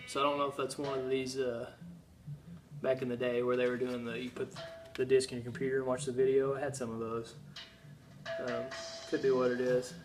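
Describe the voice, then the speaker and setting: A man's voice: medium pitch, flat delivery, a little fast. A man hosting his channel, chatting casually and rambling through a haul, a bit winded, with many fillers and restarts. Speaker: channel host showing a music haul. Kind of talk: casual chat. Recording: music playing in the background.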